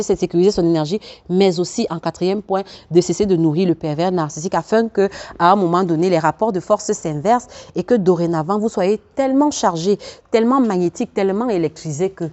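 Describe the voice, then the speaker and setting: A woman's voice: medium pitch, warm tone, lo-fi sound. A woman coaching viewers in a self-help video, talking earnestly and preacher-like, speaking straight to the listener and repeating phrases for emphasis. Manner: laughs between points, repeats phrases for emphasis. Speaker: life coach.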